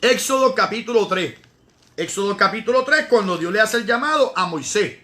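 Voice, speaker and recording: A man's voice: sits high, expressive, moderate pace, pushed and bright. A male evangelist teaching from the Bible in a live stream, emphatic, repeating words for stress and reading verses aloud. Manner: greets viewers by name in between. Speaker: evangelist preacher.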